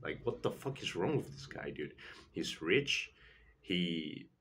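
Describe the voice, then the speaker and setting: Super deep voiced guy ranting about fighters, swearing a lot, faint background hum. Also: sing-song, slow pace, a bit bright. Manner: profane, heated, rambling rant. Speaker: sports commentary vlogger. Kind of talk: casual rant.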